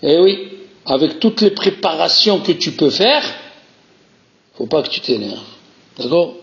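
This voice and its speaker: A man giving a Torah lesson as a rabbi, animated, repeating key phrases and weaving Hebrew terms into his French. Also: on the high side, unhurried, gravelly. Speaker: rabbi teaching a class. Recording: muffled lo-fi recording.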